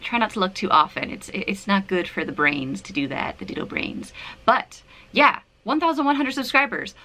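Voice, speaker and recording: A woman's voice: mid-range voice, very animated, moderate pace, bright, forceful tone. A woman in her thirties from Canada, chatting to the camera at home in a giggly, self-deprecating way. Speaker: vlogger. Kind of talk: casual chat to camera. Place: her apartment, indoors.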